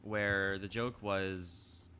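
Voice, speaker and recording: Young male streamer, casual rambling chat, stammers a lot, lowish but bright voice. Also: fairly even intonation, drawn-out words, a little hiss or hum. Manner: rambling, stammers and restarts, reads chat aloud.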